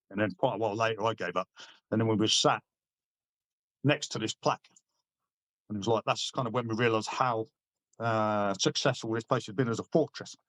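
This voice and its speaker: A man's voice: lowish voice, fairly even intonation, moderate pace, long pauses, fairly bright tone, no echo. A middle-aged man, a veteran guest, telling laddish anecdotes casually and swearing freely. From Britain. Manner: laddish, swears freely, acts out quoted lines. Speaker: podcast guest, army veteran.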